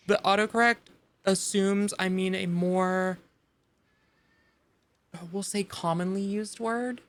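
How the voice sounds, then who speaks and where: A woman's voice: medium pitch, fairly even intonation, slow. A woman streaming a video game live, chatting casually and rambling to her viewers, with many fillers and restarts. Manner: talks straight to her live chat. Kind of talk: casual chat while playing a video game.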